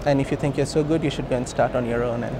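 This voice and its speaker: In a conversational business interview at a crowded hosting industry event, an Indian-accented co-founder in his thirties speaks very fast, informally and with emphasis. His mid-range voice stays steady despite the traffic-like noise around him.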